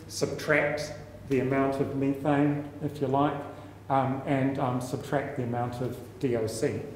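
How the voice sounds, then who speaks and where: A university researcher from New Zealand gives a seminar-style conference talk in a medium-pitched, darkish voice. He explains step by step with frequent ums and restarts, speaking into a stand mic at a lectern in an indoor meeting room. The hall is echoey, with faint room noise.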